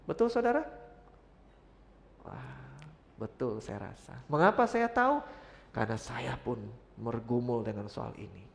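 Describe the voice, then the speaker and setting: A middle-aged man preaching a sermon as pastor, calling out to his congregation for responses and swinging from loud exclamations to quiet asides. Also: mid-range voice, animated, a little slow, gravelly, long pauses.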